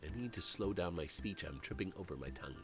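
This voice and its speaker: A man in his forties talks fast while streaming a story game, reading the narration aloud and rambling in between. His pitch swings widely as he jokes and laughs often, animated throughout. Faint game music plays behind him.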